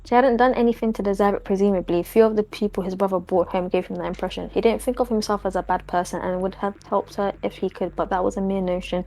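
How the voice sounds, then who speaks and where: Fast-reading woman. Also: medium pitch, a little mellow. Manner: reads quickly and evenly. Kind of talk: reading a story aloud with friends.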